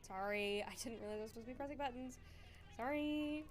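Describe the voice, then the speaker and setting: A young woman chatting casually while streaming a game, excitable, giggly and self-deprecating. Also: fairly high pitch, very fast, faint music behind. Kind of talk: casual gaming stream chat.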